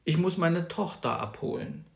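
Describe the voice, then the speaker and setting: A man voicing a calm young woman, an art student and mother, who answers briefly and matter-of-factly. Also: fairly high pitch, normal speed, vocal fry, roomy sound.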